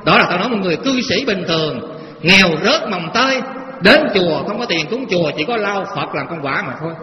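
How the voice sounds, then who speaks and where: A high-pitched male monk delivers a Dharma talk to a live audience, spinning folksy stories and throwing rhetorical questions at the listeners. His voice rings through a long-reverberating temple hall. The recording sounds dull and lo-fi, with a faint noise beneath it. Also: expressive, fairly quick. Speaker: Buddhist monk teaching lay followers.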